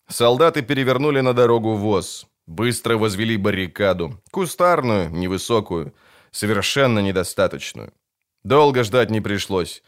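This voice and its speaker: A man reading a fantasy audiobook aloud in steady, dramatic scripted narration. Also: fairly low pitch.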